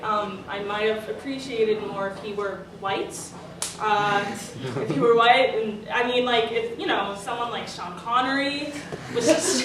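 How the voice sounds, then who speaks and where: A young woman doing a rambling, deadpan stand-up comedy set, full of fillers. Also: fairly high pitch. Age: young adult. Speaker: stand-up comic. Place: comedy night on stage before a live audience. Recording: distant mic, echoey room, audience laughter.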